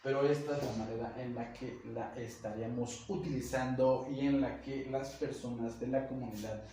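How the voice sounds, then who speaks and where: Young mexican guy teaching words slow and repeating them, kinda far from the mic, faint hiss. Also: mid-range voice, fairly even intonation, warm tone. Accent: Mexican Spanish. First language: Nahuatl. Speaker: language teacher. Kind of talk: casual language lesson. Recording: echoey room, heard from a distance.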